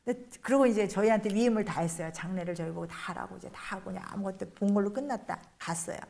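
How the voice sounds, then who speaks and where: Nun telling a story in a lecture. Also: female voice, medium pitch, fast talker, vocal fry, a little mellow. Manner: colloquial storytelling, acts out the people she quotes. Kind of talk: spiritual lecture told as a personal story.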